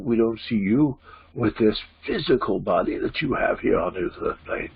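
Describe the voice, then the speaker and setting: A solemn spirit teacher, channeled by a man in trance, speaks in deliberate, halting phrases. The voice is gravelly and breathy-rough, rising and falling widely as it offers gentle, formal guidance. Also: mid-range voice, exaggerated voice. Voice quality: husky, creaky. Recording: dull, lo-fi sound.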